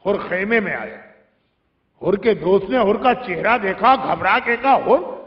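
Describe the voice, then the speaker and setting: A man with a strikingly high voice delivers an impassioned sermon, telling it as drama that climbs into shouted cries. He speaks as a cleric to a gathering in a large hall. The sound is dull and lo-fi and rings with heavy echo. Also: lively intonation, distant mic. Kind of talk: impassioned Muharram sermon recitation.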